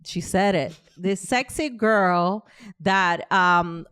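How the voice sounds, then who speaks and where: A woman hosting a podcast chats casually with her guest in a Latin American Spanish accent, heaping effusive, warm praise on them and laughing often. Her voice is on the low side, slow and clean-toned, in an interview setting.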